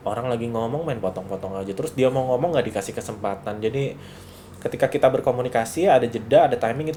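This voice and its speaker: Male lecturer, relaxed chatty delivery, acts out examples, faint room noise. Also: medium pitch. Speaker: university lecturer. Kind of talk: casual lecture to students.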